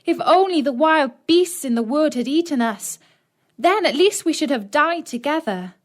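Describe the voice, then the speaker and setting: A woman's voice: high voice, animated, normal speed, voice pushed up. A woman voicing a tender, earnest little girl in a children's fairy tale. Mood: pleading despair. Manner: pleading, earnest exclamations.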